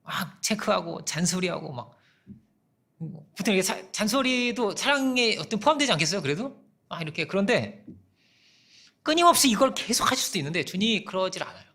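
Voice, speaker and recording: A male pastor giving a sermon in an animated, conversational way, often asking the congregation questions. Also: sits high, a little fast.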